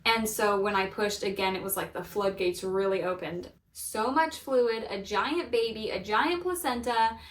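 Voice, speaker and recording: A woman's voice: mid-range voice, normal speed, hardly any pauses. A woman in her thirties telling the story of her baby's birth in a casual, gushing way, laughing often. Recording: echoey room, mic at a distance.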